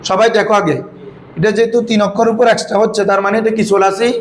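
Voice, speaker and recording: A man with a high voice teaches a grammar class. He keeps asking his students questions and calls them fondly as he explains. Faint noise sits behind the recording. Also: steady tone, poor audio. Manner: recites Quranic verses slowly. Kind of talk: classroom lesson.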